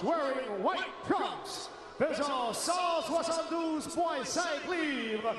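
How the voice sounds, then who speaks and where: A man working as a boxing ring announcer, giving bilingual French and English introductions in a theatrical, drawn-out, projected delivery. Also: very high-pitched. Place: large indoor boxing arena. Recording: echoing arena PA, loud crowd. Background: cheering crowd.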